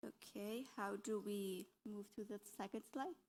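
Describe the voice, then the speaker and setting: A young Algerian dietitian presents at a conference session hall, explaining things earnestly and correcting herself along the way. Her medium-pitched voice has a darkish tone, and she is in no hurry.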